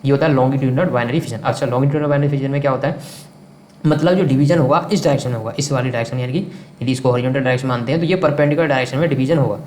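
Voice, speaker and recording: Male teacher, brisk classroom lecture style, repeats key terms; recorded in a reverberant room. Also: mid-range voice, darkish tone. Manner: asks and answers own questions, repeats key terms. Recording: echoey room with faint background noise.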